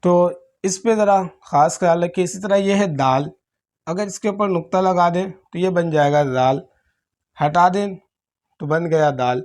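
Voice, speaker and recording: A man's voice: high-pitched, a little mellow. Man, pakistani urdu accent, quran reading teacher, patient step-by-step explaining, resonant voice. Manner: patient, explains step by step, clears throat often. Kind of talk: slow classroom-style letter teaching.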